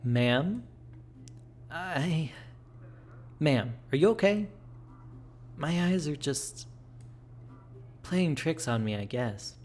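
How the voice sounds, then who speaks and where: Man reading as weary, gentle, stubborn ailing mother. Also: fairly high pitch, animated, drawn-out words, pauses often, pitched above the performer's own voice. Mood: uneasy. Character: tired, stubborn ailing mother, reassuring and secretive.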